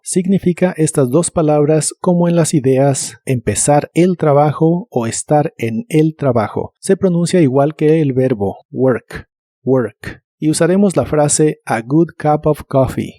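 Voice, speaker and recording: A man's voice: on the high side, mellow, dry recording, clean studio sound. Man teaching English pronunciation. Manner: slow, deliberate pronunciation drills with repetitions. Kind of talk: scripted language lesson narration.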